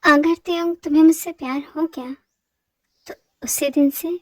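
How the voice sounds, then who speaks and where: A woman's voice: high-pitched, steady tone, normal speed, darkish tone, no echo, clean studio sound, close to an everyday voice. A woman voicing a stubborn, sulky young woman in a fan audio drama, defiant and pouting. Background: background music.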